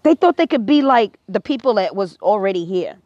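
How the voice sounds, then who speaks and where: An American woman preaches her views on a live stream, emphatic and direct with her viewers. Her voice sits at an ordinary pitch. The sound is dry and a little dull and lo-fi. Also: lively intonation, fairly quick, a little mellow, no echo. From United States. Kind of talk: impassioned social commentary.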